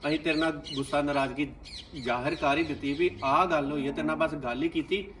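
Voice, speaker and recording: A man's voice: fairly high pitch, fairly even intonation, brisk, a bit bright, slight background noise, close to an everyday voice. Man playing a reproachful young nephew. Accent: Punjabi. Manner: reproachful, pleading. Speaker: actor in a family drama. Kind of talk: scripted short film acting.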